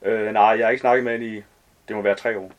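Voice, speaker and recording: A man's voice: fairly low pitch, level tone, close to an everyday voice. A man reading as an awkward, hesitant son. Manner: short, hesitant replies. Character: hesitant, awkward young man returning home.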